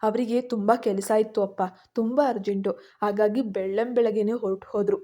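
A woman voicing a gentle, patient young wife in a storybook reading, soft and pleading. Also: mid-range voice, steady tone, a little fast, lightly acted.

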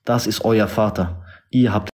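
A man's voice: lowish voice, steady tone, measured pace, a little mellow. Man preaching emphatically with repetition. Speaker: lay preacher. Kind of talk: Bible reading and sermon.

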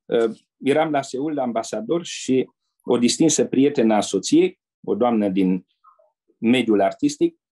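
An older man from Romania, a retired diplomat, telling anecdotes as a guest in an interview in a measured way. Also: mid-range voice, mellow. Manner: measured storyteller who acts out quoted people.

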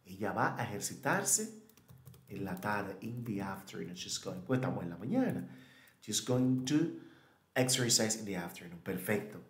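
A man's voice: fairly low pitch, sing-song, unhurried. A man giving a recorded online English lesson, thinking aloud, correcting himself and modeling question intonation. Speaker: English teacher. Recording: echoey room.

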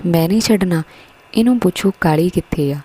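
A woman voicing a desperate mother shouting for her missing daughter. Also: lowish voice, fairly quick, breathy edge, poor audio. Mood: frantic.

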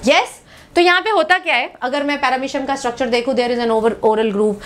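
A woman's voice: sits high, moderate pace, fairly bright tone. A young Indian woman teaching a live online biology lesson, switching between Hindi and English, addressing students as "beta" and quizzing them constantly.

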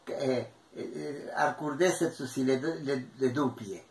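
A man from Argentina teaching a language class, who repeats example phrases slowly and mixes languages as he explains. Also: mid-range voice. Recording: echoey room, distant from mic.

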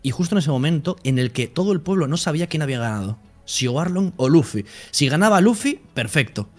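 Young man, rapid talk, crude and emphatic, casual chat. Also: on the high side, animated, soft background music. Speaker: guest streamer.

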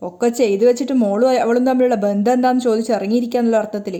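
A woman retells a serial's plot in a quick, chatty storytelling manner. Her voice is slightly high but mellow and dark-toned, and the words rush out at a rapid clip. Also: steady tone. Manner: brisk, conversational storytelling. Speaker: serial recap narrator.

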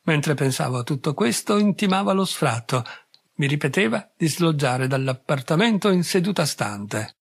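A man narrating a literary short story in the first person in a measured reading voice. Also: on the high side, expressive, vocal fry, husky. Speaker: audiobook reader.

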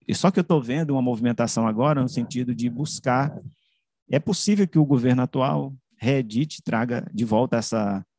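A middle-aged researcher and author explains his work in a conversational academic slide presentation over a video call, often ending phrases with small checking questions. His mid-range, darkish voice comes through a computer mic in an indoor room, with no room sound and studio quality.

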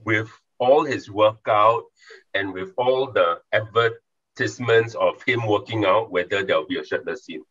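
A man's voice: lowish voice, a little slow, a bit bright, husky, highs cut off. A man with a Singaporean English accent, teasing and emphatic on a casual panel chat. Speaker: panel co-host.

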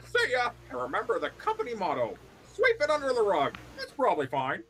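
A man's voice: very high voice, wildly swooping pitch, fairly quick, gravelly, pushed and bright, faint music behind, pitched above the performer's own voice, heavily acted, poor audio. A young man voicing a breezy male pizzeria manager, cheerfully reading game dialogue aloud.

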